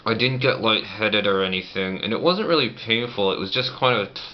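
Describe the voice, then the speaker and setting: A man's voice: lowish voice, fairly quick. A man chatting casually in a personal vlog, talking through teeth held together by a banded-shut jaw. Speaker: vlogger. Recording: muffled lo-fi audio, clear background noise.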